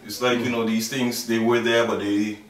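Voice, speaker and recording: This Bahamian man in his thirties talks in a fairly low voice with little pitch movement, sitting far from the microphone. It's a documentary interview held outdoors beside a yard wall, and he comes across as earnest yet halting, full of fillers and restarts. The sound is echoey, picked up off-mic by a camera.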